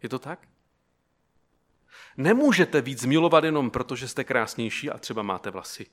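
A man's voice: medium pitch, expressive, a bit bright. A man preaching a sermon who keeps asking the listeners rhetorical questions and tells them an illustrative story.

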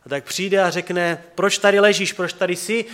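Male pastor in his thirties, slightly high-pitched, earnest conversational sermon delivery that sinks to hushed tones. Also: steady tone. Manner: earnest and conversational, dropping to soft quiet tones. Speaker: preacher.

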